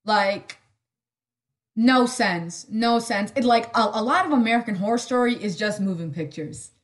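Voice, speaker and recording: A young woman hosting a solo podcast in casual chat, sarcastic and rambling, full of "like" and quick asides. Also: a little high, lively intonation. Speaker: podcast host.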